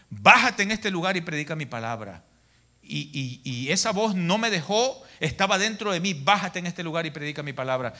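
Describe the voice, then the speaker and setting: A middle-aged pastor preaching to his church in an animated, storytelling way, often turning to the congregation as brother. His voice sits somewhat high for a man and rings bright and forceful. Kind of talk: preaching a sermon.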